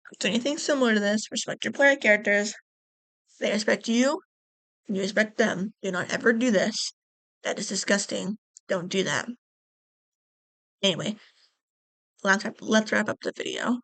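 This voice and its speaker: A young woman vlogger talks straight into the camera mic, earnest and repetitive, with casual fillers. Her voice sits at an ordinary middle pitch. The room sound is dry and close. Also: moderate pace, pauses often, fairly bright tone, dry recording. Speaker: YouTuber reading stories. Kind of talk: casual vlog commentary.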